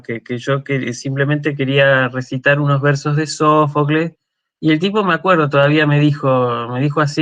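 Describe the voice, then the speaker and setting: A university lecturer with an Argentine Spanish accent, his voice sitting a little higher than most men's. He works through his points patiently, thinking aloud, with small restarts along the way. He keeps tossing a quick "¿sí?" to the class. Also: fairly bright tone. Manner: explanatory, often checks in with a questioning "¿sí?".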